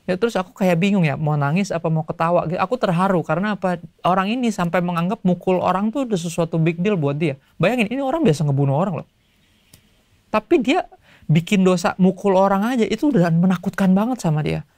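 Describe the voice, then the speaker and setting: A male pastor giving a casual sermon to young people, telling stories in relaxed everyday slang. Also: sits high, quick pace, dry recording. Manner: chatty storytelling in everyday slang; acts out voices in quotes.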